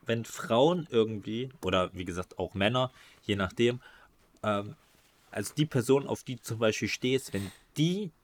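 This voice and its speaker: A man's voice: on the low side, moderate pace. A man co-hosting a podcast in casual chat, ranting emphatically in slangy words and often restarting his sentences. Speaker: podcast co-host.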